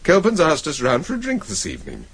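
Suave gent detective, radio play, very husky, animated pitch. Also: male voice, quick pace, full character voice. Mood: composed. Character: urbane, composed English gentleman investigator. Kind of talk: radio drama acting.

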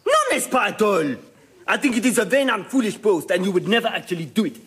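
A snooty frenchman picking a fight, hammy accent, highish voice. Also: expressive, fast talker, a bit bright, slightly rough, exaggerated voice. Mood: scornful. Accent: put-on French. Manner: scornful. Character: sneering male French critic, contrary.

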